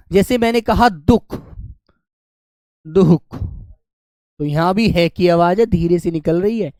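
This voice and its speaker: A man teaching an online grammar class, fondly calling his students "beta" and repeating key words slowly for them to write down. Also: sits high, a little mellow, no echo. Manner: affectionate, calls students "beta" and "my dear children".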